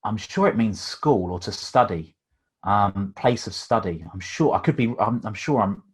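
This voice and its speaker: A man's voice: on the low side, animated, normal speed, breathy edge. A man hosting a podcast interview, asking questions in a pragmatic, chatty way with many fillers and restarts. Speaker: podcast host and coach.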